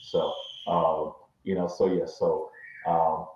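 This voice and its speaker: A man's voice: extremely low pitch, flat delivery, slow, a little mellow. A man co-hosting a casual review podcast, rambling with many fillers and restarts, his voice echoing off the room through a backup mic. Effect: echoey room sound from a backup mic. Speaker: podcast co-host reviewing a series. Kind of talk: casual chat. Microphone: backup mic after his main mic failed. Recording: echoey, dull lo-fi backup mic.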